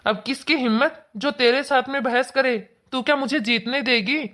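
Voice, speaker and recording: A woman voicing an easygoing older father-in-law in an animated cartoon. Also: high-pitched, normal speed. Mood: chiding. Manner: calm, teasing.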